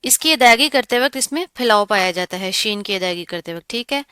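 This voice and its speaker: A woman gives a pronunciation lesson. Her voice is bright and crisp, a little high, and recorded dry and close. She explains each sound and then says it slowly and drawn out. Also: expressive, dry recording. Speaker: Quran recitation teacher.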